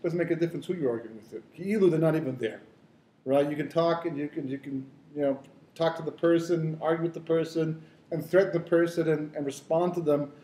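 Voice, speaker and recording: Brief: male rabbi lecturing informally, warm tone, echoey room. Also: fairly high pitch, a little fast. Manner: conversational, storytelling, many fillers and asides. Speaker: rabbi teaching the weekly Torah portion.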